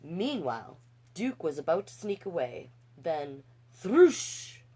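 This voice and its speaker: Reading picture books slowly in a low, breathy voice, a storytime host keeps things animated and folksy. She drifts easily from the story into chatty, encouraging words for her viewers.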